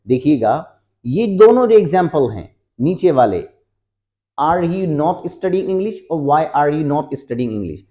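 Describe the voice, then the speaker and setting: A man teaching an English lesson, patiently explaining and repeating examples slowly. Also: a little high, warm tone, lo-fi sound.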